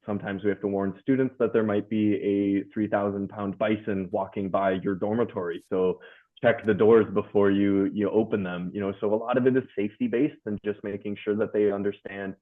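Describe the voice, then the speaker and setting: A man on a webinar panel, speaking in a relaxed way with lots of ums and uhs over a video call. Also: on the low side, quick pace. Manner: relaxed, many filler words. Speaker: hospitality company staff manager, panelist. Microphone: video call mic. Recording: tinny phone-like call audio.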